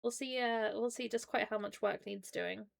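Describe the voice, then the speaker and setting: A British woman live streamer with plenty of vocal fry, chatting informally to viewers. She talks through a sore, swollen side of her mouth from dental pain, with an apologetic, chatty manner. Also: on the high side, steady tone, moderate pace. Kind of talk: casual livestream chat.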